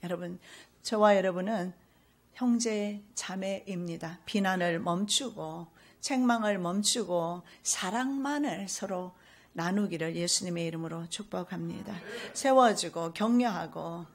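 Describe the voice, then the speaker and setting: A middle-aged woman pastor delivering a sermon in an earnest preaching manner, with slow stressed phrases that rise to fervent exhortation. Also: medium pitch.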